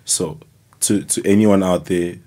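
Deep-voiced man co-hosting a podcast. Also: unhurried, dark tone, a little hiss or hum. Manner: encouraging, probing questions. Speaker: podcast co-host. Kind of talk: casual interview chat. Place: podcast studio.

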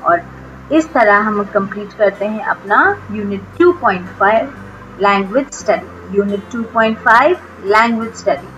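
A woman with an Indian accent teaching young children an English lesson, explaining each sentence and slowly drilling the pronunciation of words. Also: mid-range voice, expressive, fairly bright tone, highs cut off, soft background music. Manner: slow, careful word-by-word pronunciation drills.

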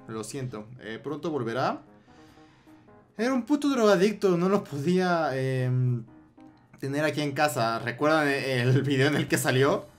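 A young man with a Mexican accent giving excitable gameplay commentary, swearing and repeating words in rapid bursts. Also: on the high side. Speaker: Minecraft gameplay YouTuber.

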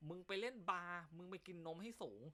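A man's voice: sits high, quick pace, pushed and bright. A male comedy host telling jokes in casual chat, teasing banter full of crude slang.

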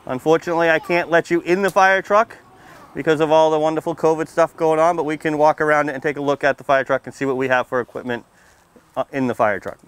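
Outdoors beneath a canopy on a library lawn, this thirty-something firefighter and fire prevention educator reads aloud and chats with young kids through a face mask in a friendly, plain way. He sounds a little high, clear and resonant, moving at a quick pace with fairly even intonation.

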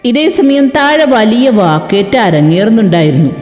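A woman narrating a dramatic story in an expressive reading style. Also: mid-range voice, moderate pace. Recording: echoey reverberant room with music.

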